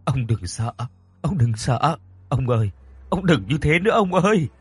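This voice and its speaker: A frightened, tearful older mother, begging in a raised, shaky voice, as a man puts her on. The sound is husky, close and dry. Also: fairly high pitch, sing-song, normal speed, dry recording, soft background music, heavily acted. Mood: pleading. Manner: pleading, sobbing.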